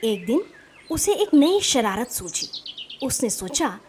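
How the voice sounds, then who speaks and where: Woman, children's story narrator, slow expressive reading, fairly high voice, faint background noise.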